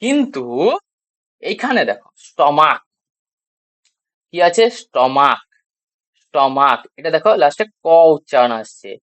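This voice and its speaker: A man's voice: fairly high pitch, very animated, measured pace, pauses often, a bit bright, dry recording. A man teaching English grammar to beginners, with a Bengali accent, spelling out word endings and answering his own questions. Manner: asks rhetorical questions and answers them, repeats spelled letters. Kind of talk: classroom grammar lesson.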